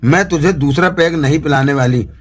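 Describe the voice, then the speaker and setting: A man's voice: on the high side, moderate pace, lightly acted. A man voicing a stern older woman addressed as Amma, who speaks firmly and gives orders, in an audiobook. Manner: firm, commanding.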